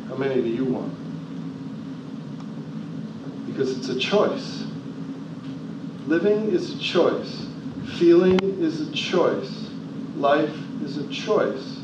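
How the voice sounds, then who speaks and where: A motivational speaker in his forties from New Jersey addresses a large hall, using emphatic rhetorical questions and shifting his pace. His voice is on the high side, slow, with long pauses. The recording is echoey, distant, dull and noisy.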